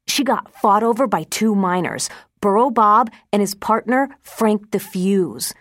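A woman's voice: mid-range voice, measured pace, a bit bright, no room sound, studio quality, voice pushed up, natural voice. A woman reading aloud, voicing an eager little boy of five going on six in a storybook.

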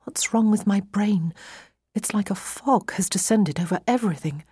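A woman playing a hungover, groggy young woman, self-mocking and bewildered, groaning and breathy in first-person audiobook narration. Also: medium pitch, moderate pace, mellow, no echo. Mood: groggy, confused.

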